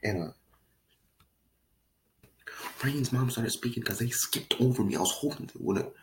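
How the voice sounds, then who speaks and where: A man's voice: mid-range voice, brisk, a little hiss or hum, low-quality recording. A man telling a rambling storytime vlog, giggling, drifting off track and calling his viewers "guys". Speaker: vlogger.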